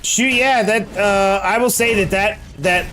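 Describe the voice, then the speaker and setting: A man's voice: high voice, a little slow, sharp tone. A middle-aged American man chatting casually while gaming, slangy and peppering his talk with dude and like. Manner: slangy, says dude and like often. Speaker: game streamer.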